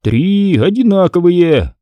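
A man reading an audiobook, voicing a confident boy who explains game rules in a low, mysterious and impatient way. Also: sing-song, takes it slowly, no room sound, muffled recording, heavily acted. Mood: instructing. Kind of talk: audiobook character voice.

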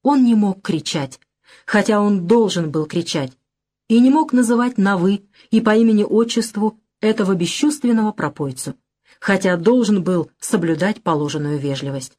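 A woman narrating a novel in a steady, measured audiobook reading. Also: mid-range voice. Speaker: audiobook reader. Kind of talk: literary narration.

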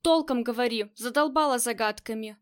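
A woman voicing a gruff, short-tempered male crime boss in an audiobook, swearing and barking orders. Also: fairly high pitch, fairly quick, lightly acted. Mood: angry. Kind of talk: audiobook character reading.

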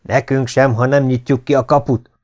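A man reading an audiobook voices a blunt, defiant sergeant of the legion in a raised, forceful voice. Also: mid-range voice, dull audio, lightly acted. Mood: challenging. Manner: blunt, grim and confrontational.

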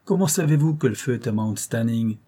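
A man's voice: medium pitch, lively intonation, brisk, dark tone, husky. A man voicing a proud, cold noblewoman who speaks in dry, hard, contemptuous commands, reading a classic novel aloud. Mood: scornful.

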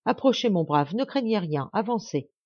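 A woman voicing grave male army officers in an audiobook, speaking earnestly and measured. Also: mid-range voice, big pitch swings, a little mellow, no echo, highs cut off. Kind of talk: audiobook character voice.

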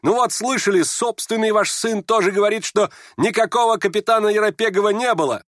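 A man's voice: on the high side, animated, moderate pace, fairly bright tone, dry recording, clean studio sound, pitched above the performer's own voice. A man reading aloud, voicing a sickly, spiteful young man who speaks in a mocking, sneering tone.

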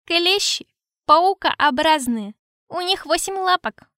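A woman's voice: extremely high pitch, animated, takes it slowly, sharp tone, no echo, clean studio sound, pitched above the performer's own voice, heavily acted. A woman voicing a pedantic know-it-all inner voice that lectures and corrects in an audiobook. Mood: lecturing. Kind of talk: audiobook reading.

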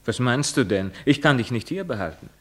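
An actor as a mocking young lover. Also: male voice, medium pitch, lively intonation, brisk, natural voice. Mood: evasive. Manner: mocking, teasing. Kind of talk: classic radio play acting.

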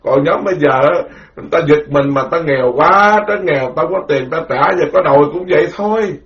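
A man, a Buddhist monk, giving a rambling, animated dharma talk full of stories. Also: a little high, fairly quick. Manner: rambling, animated storytelling with quoted voices. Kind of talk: informal spoken sermon. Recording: dull lo-fi recording.

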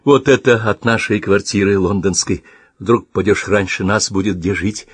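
A man's voice: lowish voice, fairly even intonation, normal speed, slightly rough, dry recording. A man voicing an emotional middle-aged aunt who takes charge, talking urgently.

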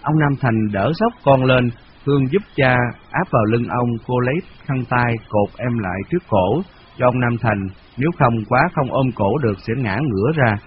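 A narrator, a man of medium pitch, reads a novel aloud in a steady, measured storytelling voice. The recording sounds like dull lo-fi radio, with a little hiss or hum.

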